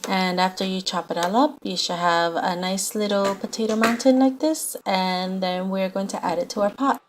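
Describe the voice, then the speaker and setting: A woman's voice: mid-range voice, fairly even intonation, normal speed. A young woman giving an informal, conversational recipe voice-over as a home cook. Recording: faint background noise.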